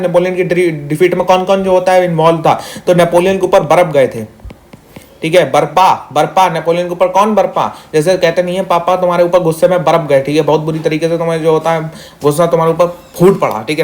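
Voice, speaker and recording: A young man teaching a fast, chatty exam-revision lesson, mixing English into Hindi and calling students "meri jaan" and "bhaiya". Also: on the high side. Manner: talks fast on purpose.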